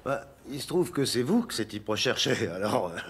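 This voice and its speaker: A man's voice: medium pitch, sing-song, brisk, in a large hall. An actor dubbing a hesitant man who stammers awkwardly about a rug.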